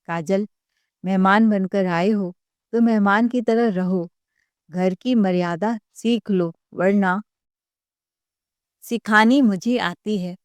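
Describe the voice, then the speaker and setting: Stern elder brother, harsh rebuking tone, middle pitch, dry sound, read by a woman. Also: takes it slowly, long pauses, smooth, no echo, natural voice. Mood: stern angry. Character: angry protective elder brother, adult man.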